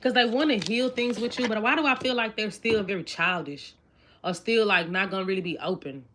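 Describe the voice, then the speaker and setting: A woman's voice: mid-range voice, a little fast, fairly bright tone. Chatty young woman reading tarot cards. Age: 20s. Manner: chatty, repetitive, talks straight to viewers. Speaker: tarot reader. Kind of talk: casual tarot reading to viewers. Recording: card shuffling noise clearly audible. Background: shuffling cards and clicks.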